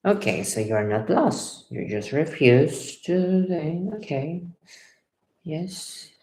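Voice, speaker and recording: Speaking slowly in a deep, animated voice with a dark tone, an Ecuadorian tarot reader chats with her live-stream viewers. She reads their comments aloud, reacts to them, and often repeats her own phrases, all in an echoey room.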